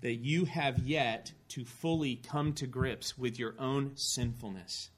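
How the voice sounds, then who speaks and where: A man's voice: medium pitch, takes it slowly. A man preaching a sermon in a church, telling a story with earnest rising emphasis and the odd dry aside. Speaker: pastor.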